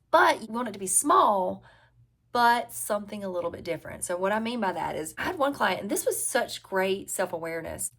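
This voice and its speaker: A woman in her forties speaks with a Southern US drawl in a mid-range, slightly bright voice. She's a health and weight-loss coach giving viewers casual, conversational advice, repeating key phrases to drive them home.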